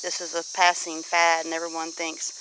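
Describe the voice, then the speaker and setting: This Southern US woman, a homestead vlogger, speaks to viewers in a deep, monotone voice at a moderate pace, chatting casually in a plain, folksy style. She's outdoors on a farm among animals, where faint animal and insect sounds come through in the background.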